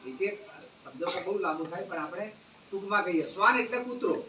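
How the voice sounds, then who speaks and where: Brief: male speaker, animated school talk that quizzes the kids; distant mic with faint background ambience. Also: high-pitched, a little fast, reverberant, lo-fi sound, a little hiss or hum. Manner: animated, asks the children questions. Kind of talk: moral talk to students. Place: school gathering.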